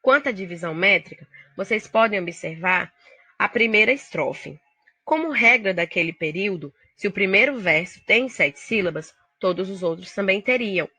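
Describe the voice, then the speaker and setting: A woman's voice: medium pitch, expressive, moderate pace, pushed and bright, slightly rough, dry recording, soft background music. A woman teacher with a Brazilian Portuguese accent, explaining poetry step by step to her students in a recorded video lesson. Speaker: literature teacher.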